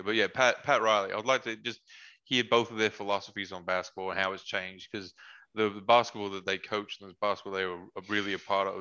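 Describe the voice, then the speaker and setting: A young man, a former basketball player, telling stories in a relaxed podcast chat and acting out what his friends said. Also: deep voice, creaky, muffled recording. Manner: animated storyteller, quotes friends in their voices, laughs often. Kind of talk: casual podcast chat, storytelling.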